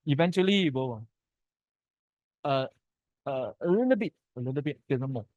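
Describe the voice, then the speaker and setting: A man's voice: medium pitch, expressive, moderate pace, darkish tone, no room sound, dull audio. A man with a Malaysian accent giving an informal technical lecture in punchy, colloquial phrases full of sentence-final particles. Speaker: lecturer presenting to architects.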